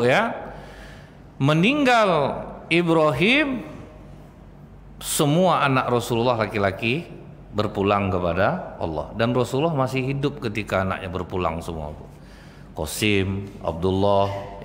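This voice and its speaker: A man's voice: mid-range voice, fairly bright tone. A male preacher giving a conversational sermon, constantly addressing his listeners as sir and ma'am. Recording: echoey hall, faint noise.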